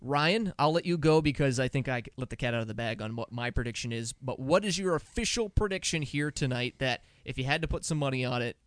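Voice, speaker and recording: A man hosting a sports talk show, chatting in a lively, teasing way. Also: medium pitch, fairly quick, hardly any pauses, dry recording. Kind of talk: casual sports chat.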